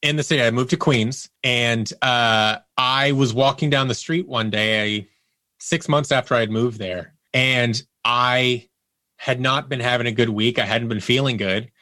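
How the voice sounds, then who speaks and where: As an interview guest, a man tells personal stories candidly and reflectively, often voicing his inner thoughts as quotes. His mid-range voice is pushed and bright, a little slow, with no echo.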